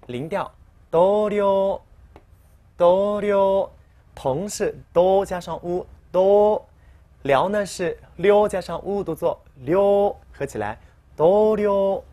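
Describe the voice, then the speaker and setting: A woman's voice: low-pitched, darkish tone, breathy edge. A woman teaching a vocabulary lesson, explaining step by step and saying each new word twice for the learner to repeat. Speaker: Japanese language teacher.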